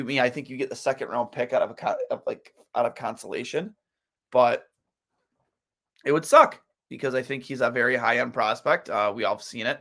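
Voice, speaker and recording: A man's voice: mid-range voice, gravelly, a bit bright. A tired man hosting a solo sports podcast, rambling through his thoughts with lots of fillers and restarts. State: tired, yawning.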